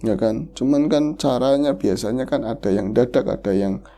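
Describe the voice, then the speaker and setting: A man's voice: mid-range voice, moderate pace, mellow. A man hosting a horror podcast, emotionally retelling a listener's tragic story in the first person.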